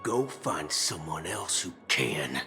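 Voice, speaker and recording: A pushy game cowboy cyborg, entitled customer vibe, slow low drawn-out delivery that swoops around. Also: male voice, big pitch swings, over music, full character voice. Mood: impatient, demanding. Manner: demanding, entitled customer challenging staff. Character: brash cyborg gunslinger man, impatient and pushy. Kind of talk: video game dialogue.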